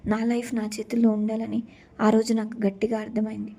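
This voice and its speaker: A woman's voice: a little high, monotone, a little fast, gravelly, mellow. Young woman telling a sorrowful story. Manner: earnest, sorrowful recounting. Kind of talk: first-person story narration.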